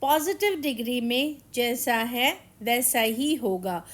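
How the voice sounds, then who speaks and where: Slow-spoken high-voiced woman teacher. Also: expressive. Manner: slow, deliberate explanations, with the English examples spoken very slowly. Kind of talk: grammar lesson.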